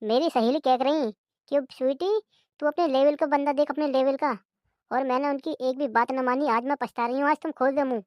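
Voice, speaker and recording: A fed-up cartoon wife who nags and scolds without pause, voiced by a woman. Her voice sits high and bright, recorded close and dry with no room around it. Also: steady tone, dry recording, dull audio, close to an everyday voice. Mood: indignant. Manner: scolding, complaining loudly. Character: nagging young wife, sharp-tongued and fed up. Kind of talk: cartoon comedy voice-over.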